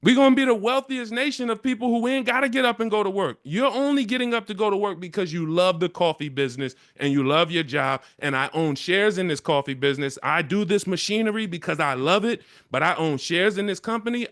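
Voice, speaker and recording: A man's voice: high voice, fairly bright tone. A man leading a community assembly, giving a motivational speech with emphatic, repetitive rallying lines. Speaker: community leader addressing an assembly.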